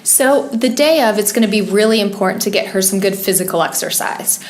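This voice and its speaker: A woman of middle pitch talks through pet advice with earnest, patient explanations. Her voice carries a noticeable room echo, as in a roomy podcast recording. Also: a little fast. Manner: earnest, explanatory, laughs easily. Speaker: podcast co-host, pet wellness expert. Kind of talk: casual podcast chat.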